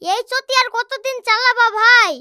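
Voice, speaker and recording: A cheeky, mocking village cobbler from a comic cartoon, acted by a performer. The voice is very high and bright, recorded close and dry. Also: unhurried, dry recording, exaggerated voice.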